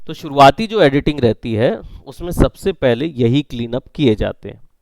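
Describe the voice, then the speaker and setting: एक पुरुष प्रशिक्षक जो कक्षा में समझाते हुए बोलता है और बार-बार छात्रों से पुष्टि लेता है।. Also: male voice, mid-range voice, expressive, moderate pace, creaky, darkish tone, no echo. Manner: explanatory, checks in often with the class. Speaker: instructor. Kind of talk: classroom lecture on sound editing.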